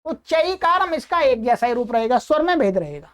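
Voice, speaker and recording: A woman teaching Sanskrit grammar in a recorded lesson, explaining step by step, asking and answering her own questions and reading forms out slowly. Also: sits high, sing-song. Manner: reads Sanskrit forms slowly and repeats them.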